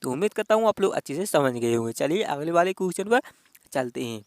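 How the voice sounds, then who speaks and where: A man with a high-pitched voice walks students through an exam-prep reasoning lesson. He talks in a coaxing, repetitive way and keeps checking that the viewers follow along. The sound is dry and close. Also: sing-song, quick pace, no echo. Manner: repetitive, coaxing, addresses viewers as dear friends. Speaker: teacher.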